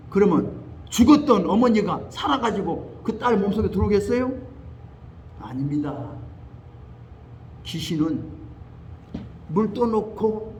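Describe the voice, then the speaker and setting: Older male pastor, high and very animated preaching voice, faint hiss behind. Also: creaky. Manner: animated storytelling, acting out quoted voices. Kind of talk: sermon. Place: church sanctuary.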